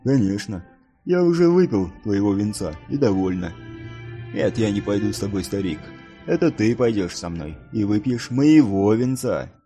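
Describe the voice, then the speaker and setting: Male narrator as calm mocking strongman, low voice, audiobook, music clearly under. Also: normal speed, natural voice. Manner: dry, mocking.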